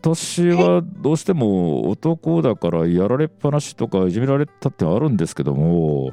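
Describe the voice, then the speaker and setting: Low-voiced man hosting casual radio chat. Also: big pitch swings, normal speed, creaky, mellow, dry recording, faint music behind. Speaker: radio DJ host.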